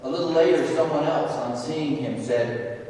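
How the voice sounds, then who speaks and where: A man's voice: a little high, moderate pace, darkish tone. A man giving a solemn scripture reading to a congregation during a church service. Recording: echoey church, distant, faint noise.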